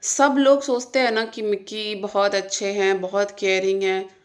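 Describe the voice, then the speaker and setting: A woman's voice: mid-range voice, level tone, normal speed. A young woman vlogger, talking casually to camera and venting, earnest and emphatic as she retells a fight. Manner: frustrated, venting. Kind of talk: casual vlog talk to camera.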